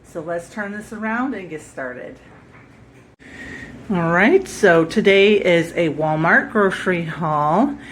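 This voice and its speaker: A homesteading vlogger with a head cold talks through a grocery haul at home, her lowish voice sounding stuffed up over a slight hiss or hum. She chats casually and often corrects herself with ums.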